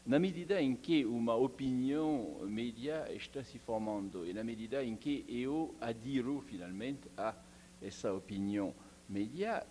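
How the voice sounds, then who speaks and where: Audience man at a seminar, deliberate and halting, faint hum on the recording. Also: medium pitch, darkish tone. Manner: slow, deliberate, with frequent hesitations. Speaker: audience member asking a question. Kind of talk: academic seminar question. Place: seminar hall.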